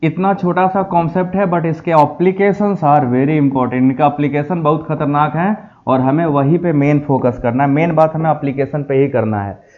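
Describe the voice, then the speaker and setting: Man, lecture style, keeps asking students stuff, kinda dull lo-fi sound. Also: fairly high pitch. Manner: explains slowly with repeated questions to students. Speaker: chemistry teacher. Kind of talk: classroom lecture.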